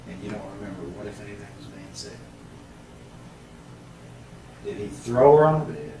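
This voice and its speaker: A man's voice: lowish voice, animated, moderate pace. A man questioning someone as a police interrogator, methodical and probing, repeating answers back. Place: echoey interrogation room, far mic. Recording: echoey room, distant mic, heavy noise.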